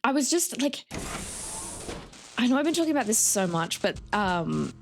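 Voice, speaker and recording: A woman's voice: on the high side, very animated, moderate pace, a little hiss or hum. A woman streaming a video game, giving casual, sweary commentary and chatting informally to viewers. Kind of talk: casual live gameplay commentary. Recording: game music behind the voice. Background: game music.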